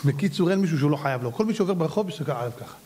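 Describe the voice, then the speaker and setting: A man, a rabbi, preaching a sermon as a lively storyteller who acts out the characters. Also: on the high side, husky.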